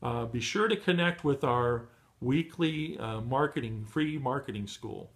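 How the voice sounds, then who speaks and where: A middle-aged man giving a motivational training talk to beginners, encouraging and full of fillers and restarts, his voice going hoarse. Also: mid-range voice, expressive, unhurried. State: losing his voice. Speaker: online marketing trainer.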